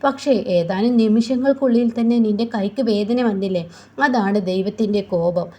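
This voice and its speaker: Woman voicing Nandini, drunk and shouting. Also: mid-range voice, fairly quick, close to an everyday voice. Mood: scolding. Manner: shouting, scolding, wailing. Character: drunk furious young village woman, defiant.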